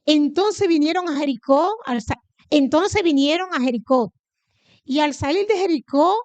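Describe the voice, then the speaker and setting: A woman from the Dominican Republic preaches to her church in a Dominican accent, with a high voice. She keeps putting questions to the congregation and answering them herself. The sound is dry and close, with little room echo. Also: a little mellow. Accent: Dominican Spanish. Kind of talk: sermon.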